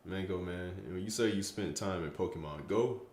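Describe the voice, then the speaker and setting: A man's voice: low-pitched, fairly quick, a little mellow, roomy sound. A tired young man chatting casually on a late-night stream, rambling and stumbling over his words, with self-mocking trash talk. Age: young adult. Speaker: streamer answering chat.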